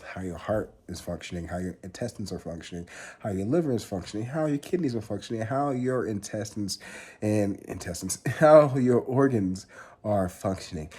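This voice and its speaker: Earnest young man, husky low voice. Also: mellow. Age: 20s. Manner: earnest, repetitive, swears casually. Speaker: fitness vlogger. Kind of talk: casual vlog talk to camera.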